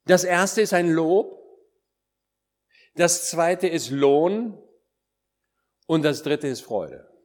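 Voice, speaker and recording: A man preaching a sermon, acting out quoted words and dropping at times into hushed whispers for solemn points. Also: on the high side, drawn-out words, pauses often. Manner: animated, swings between emphatic calls and hushed whispers.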